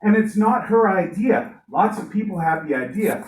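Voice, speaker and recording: A woman teacher telling a lively story to children in a classroom, playing up the characters' voices. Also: medium pitch, normal speed. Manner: lively, animated, playful voices. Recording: roomy room, distant mic, faint noise.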